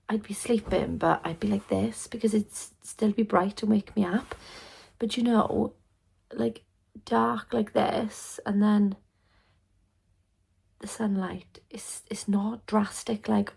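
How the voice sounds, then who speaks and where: Tired woman murmuring, gravelly. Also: medium pitch. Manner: soft, rambling, sleepy talk with many ums. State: tired, yawning. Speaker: family vlogger. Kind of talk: casual chat to camera, often half-whispered. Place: bedroom at night.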